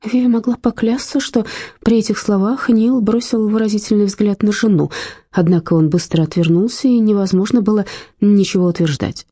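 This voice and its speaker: A woman narrating a novel in a measured, even reading voice, close to the mic. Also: mid-range voice, breathy edge, dry recording. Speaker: audiobook narrator. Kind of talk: scripted narration.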